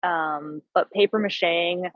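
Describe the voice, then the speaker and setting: A woman's voice: on the low side, steady tone, slow, no room sound, narrow, tinny audio. A woman musician being interviewed, upbeat and laughing often. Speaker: musician guest. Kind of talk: casual interview chat.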